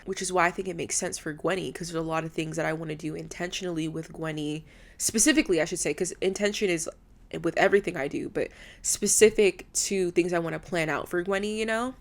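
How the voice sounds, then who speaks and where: Casting note: young woman in her 20s, solo podcast host, candid and heartfelt, casual swearing, slightly low voice. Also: quick pace, creaky. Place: indoors in a rented apartment room.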